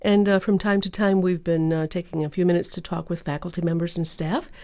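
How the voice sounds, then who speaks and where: A woman speaking as a public radio host, presenting classical music and interviews in a measured, conversational announcer's manner. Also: on the low side, level tone, darkish tone. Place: radio studio.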